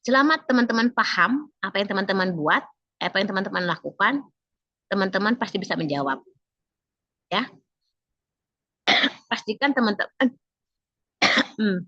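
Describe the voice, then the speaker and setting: Slightly hoarse woman instructor, bright voice. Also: medium pitch, lively intonation, moderate pace, pauses often, dry recording, dull audio. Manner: chatty, quizzes students by name. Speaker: civil service training instructor. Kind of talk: online class coaching.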